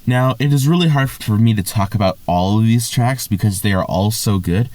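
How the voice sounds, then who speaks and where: A man's voice: on the low side, normal speed, a little mellow, dry recording. A man giving a casual spoken music review, enthusiastic and gushing, with lots of fillers and restarts.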